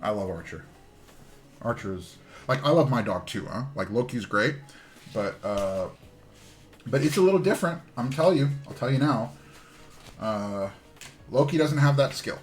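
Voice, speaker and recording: A man's voice: mid-range voice, lively intonation, normal speed, long pauses, soft background music. A man in his thirties chatting casually while streaming a keyboard build, telling rambling stories that trail off and restart. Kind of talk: casual live-stream chat.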